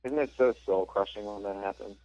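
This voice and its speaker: A man's voice: on the low side, a little fast, dark tone, muffled recording. A man guesting on a podcast, chatting casually with brief, sympathetic remarks. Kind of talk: casual chat.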